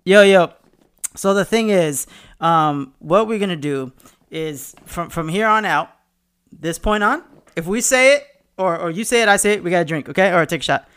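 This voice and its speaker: A boisterous man hosting a party podcast as its hype man. His voice is clear and smooth, and he talks in hyped slang, often repeating himself and swearing freely. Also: high-pitched, lively intonation, normal speed, a bit bright.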